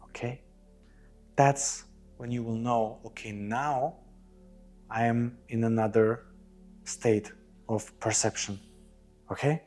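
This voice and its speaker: A man's voice: mid-range voice, mellow. Reassuring male breathwork instructor. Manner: reassuring, instructional, often checking with "okay?". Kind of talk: guided group breathwork instruction.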